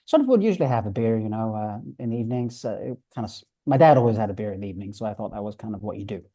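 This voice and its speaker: A young man from Switzerland, raised by parents, answering interview questions in a hesitant way with many pauses and fillers. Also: fairly low pitch, lively intonation, dark tone. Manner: hesitant, many ums and uhs. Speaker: guest, sober coach.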